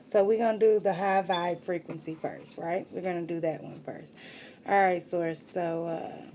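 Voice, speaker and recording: A woman's voice: fairly low pitch, steady tone, normal speed, a little mellow, a little hiss or hum. A woman giving a casual tarot reading, talking straight to the viewer in slangy, profane street talk. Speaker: tarot reader.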